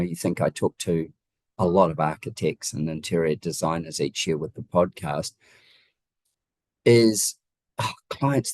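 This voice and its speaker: Recorded dry and close, a low-voiced New Zealand man from the Wellington region speaks as a guest, a home designer. His tone is darkish, and he explains things conversationally while pressing key points with emphasis and rhetorical questions.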